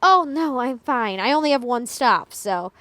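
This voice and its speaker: Lady doing a jersey-accented old retired teacher, polite but short, higher voice, dry close mic. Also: animated, a little slow, bright, forceful tone, no room sound. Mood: politely curt. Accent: New Jersey.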